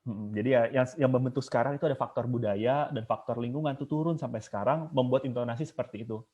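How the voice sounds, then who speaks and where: A man's voice: mid-range voice, quick pace, a little mellow, husky. A man giving an informal online lecture on chanting, casual and digressive, now and then chanting an example. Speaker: guest speaker teaching chanting. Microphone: video call. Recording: muffled video call audio.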